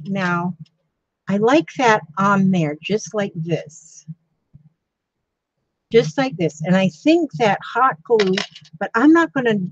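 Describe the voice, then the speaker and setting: Older woman, craft streamer, slow unhurried chat, dry dull-sounding home mic. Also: mid-range voice, dry recording. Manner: chatty, gushing thanks to viewers with frequent gasps. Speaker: craft livestream host. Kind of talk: casual live-stream chat while sewing.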